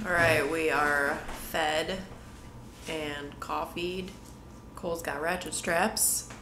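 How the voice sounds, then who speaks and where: A woman chats playfully on a home vlog, talking at a slow, unhurried pace. Her low voice echoes in a roomy apartment. Steady background noise sits under her speech. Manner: playful, joking. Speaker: vlog co-host. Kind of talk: casual vlog chat.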